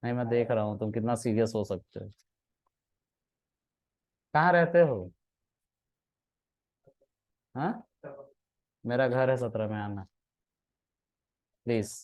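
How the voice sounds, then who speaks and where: A man acting as a class trainer, joking with and ribbing his students in loose classroom chatter. He drops English words into his talk and keeps the tone playful. His pitch sits at an everyday middle. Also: lively intonation, slow, long pauses, a little mellow. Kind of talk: casual classroom banter.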